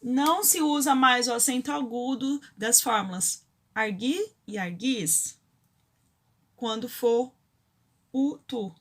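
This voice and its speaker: A woman's voice: fairly high pitch, slow, a bit bright. A Brazilian woman teaching a grammar lesson, explaining rules step by step and often checking in with her students. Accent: Brazilian Portuguese.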